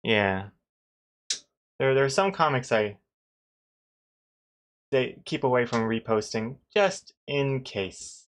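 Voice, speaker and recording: A speaker with a mid-pitched voice rambles in a casual chat as a webcomic artist. The delivery is hesitant and unscripted, like someone thinking out loud. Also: takes it slowly, long pauses.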